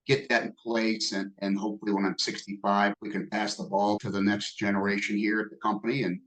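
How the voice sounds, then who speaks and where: A man in his sixties, a business owner speaking as a podcast guest in a relaxed, self-deprecating conversational way. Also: lowish voice, brisk, poor audio. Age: 60s. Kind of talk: podcast interview.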